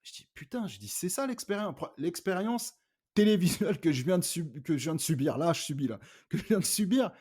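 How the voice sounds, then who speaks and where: A middle-aged man, a rap artist, telling stories in a casual interview, animated and acting out the people he quotes. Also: on the high side, brisk, slightly rough. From France. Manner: animated, acts out quoted dialogue, frequent fillers.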